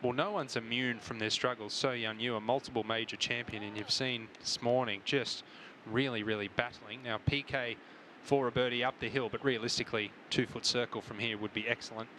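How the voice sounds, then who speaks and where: Man commentating on golf over clear background noise. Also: mid-range voice, steady tone, brisk, pushed and bright, poor audio. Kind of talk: live television golf commentary.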